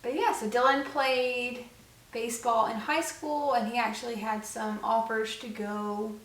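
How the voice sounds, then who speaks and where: A woman's voice: fairly high pitch, steady tone, unhurried, fairly bright tone. A young woman co-hosting a vlog, chatting casually and rambling with many fillers. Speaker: vlog co-host. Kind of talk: casual chat. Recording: echoey room, mic at a distance.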